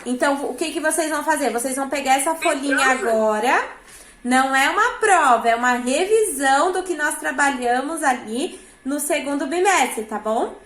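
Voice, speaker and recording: Bright high-voiced Brazilian woman teacher. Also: animated, normal speed, echoey room, a little hiss or hum. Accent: Brazilian Portuguese. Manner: patient, checks understanding with frequent tag questions. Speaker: schoolteacher. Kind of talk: classroom instruction. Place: classroom.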